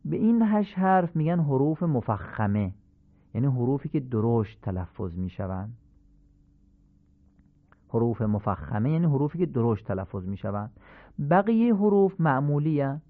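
A man's voice: medium pitch, big pitch swings. A man teaching a recitation class, patiently drilling examples one by one and repeating them. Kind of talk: classroom lesson. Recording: tinny phone-like lo-fi recording.

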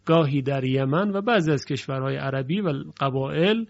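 Guy teaching quran recitation rules, slow careful examples, kinda muffled lo-fi audio. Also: mid-range voice, animated. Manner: explains step by step, recites example phrases slowly. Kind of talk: lecture on recitation variants.

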